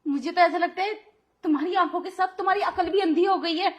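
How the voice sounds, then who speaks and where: Woman voicing an indignant young wife, scolding, sharp protests, very high-pitched, audio drama. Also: fast. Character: indignant young wife warding off a pushy brother-in-law. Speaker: voice actor. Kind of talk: Hindi audio drama acting.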